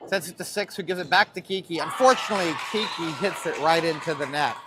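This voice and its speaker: A man's voice: fairly high pitch, fast talker. A man doing casual, chatty play-by-play commentary for a school volleyball match, calling players by name and number. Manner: chatty, cheerful, calls plays by player names and numbers. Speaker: play-by-play announcer for a high school volleyball stream. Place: school gym. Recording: noisy gym audio.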